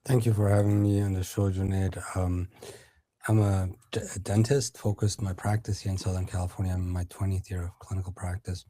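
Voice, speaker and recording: A man's voice: deep voice, little pitch movement, fairly quick, dark tone, no room sound. A middle-aged man from Iran, a dentist, answering podcast questions with many fillers and restarts. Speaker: dentist and conference founder.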